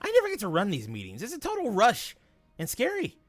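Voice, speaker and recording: A man's voice: high voice, wildly swooping pitch, a little fast, no echo, faint music behind. A man voicing a young, nervous superhero who rambles and wisecracks at his own expense in a comic reading. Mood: eager, flustered. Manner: rambling, self-deprecating.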